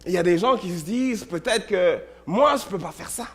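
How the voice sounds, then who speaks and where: A man, a pastor, preaching a sermon in a church, telling stories, repeating words and shifting between loud and hushed delivery. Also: high-pitched, animated, a little fast.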